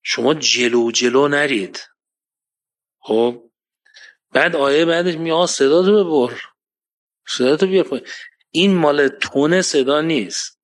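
A man giving a religious lecture, quoting Arabic verses, who rises to emphatic points and then drops his voice low. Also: long pauses. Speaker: preacher.

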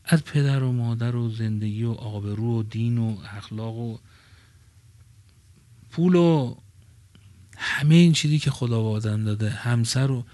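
A man preaches at a tented religious gathering, his voice sitting at an ordinary middle pitch. He drops to near-murmurs, then rises hard on the words he wants to land, stretching them out slowly. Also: dry recording. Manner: swings between soft asides and loud emphatic phrases, drawing out key words slowly. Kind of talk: religious sermon with storytelling. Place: religious gathering under a tent.

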